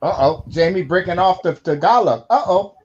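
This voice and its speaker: A man joining a casual live stream chat, teasing the others with quick, playful remarks. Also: high-pitched, animated, highs cut off, heavy background noise.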